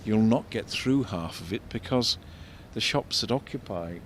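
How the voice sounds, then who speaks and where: An older man giving unscripted commentary as an architect and local guide, discursive and explanatory, halting and repeating words. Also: animated, a bit bright. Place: outdoors in a shopping street. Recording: vehicle rumble, street noise. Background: faint street traffic rumble.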